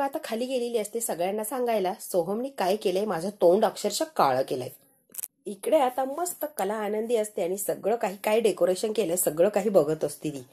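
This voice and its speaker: A woman's voice: medium pitch, mellow, husky. A woman recapping a TV serial episode in a dramatic way, acting out the lines and adding sarcastic, mocking asides. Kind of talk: dramatic recap with acted-out quotes.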